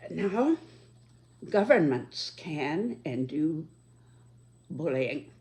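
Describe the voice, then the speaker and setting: A very old American woman in her nineties speaks in a low register with a slow, careful pace. She pauses often as she reflects aloud, choosing her words deliberately in a measured, halting elderly delivery. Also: sing-song, a little mellow. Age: 90s, very old. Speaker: speaker giving personal reflections. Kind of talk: reflective monologue.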